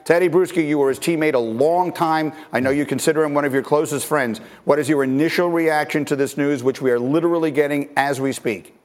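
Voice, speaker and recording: Higher-voiced male talk show host. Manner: brisk, steering the conversation. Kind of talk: live sports talk show.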